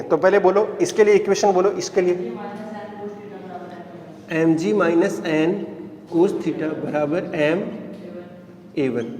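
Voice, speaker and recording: A man's voice: high-pitched, darkish tone. A man teaching physics and coaxing his students with repeated "right?" checks. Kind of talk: classroom lecture. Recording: echoey classroom, long reverb.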